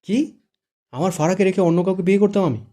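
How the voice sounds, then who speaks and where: A man voicing a playful young man who teases and exclaims in quick quips, read as audiobook dialogue. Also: mid-range voice, lightly acted. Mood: teasing. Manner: teasing, exclaiming, lively quips.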